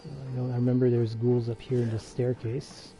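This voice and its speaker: A man's voice: mid-range voice, little pitch movement, moderate pace, dark tone, faint music behind. A man streaming a game, giving casual, hesitant commentary with many fillers and restarts. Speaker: gaming livestreamer.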